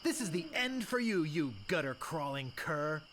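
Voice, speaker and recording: A man's voice: a little high, sing-song, normal speed, fairly bright tone, slight background noise. A man voicing an earnest young would-be pirate hero in a video game, trading insults in a sword duel. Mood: taunting.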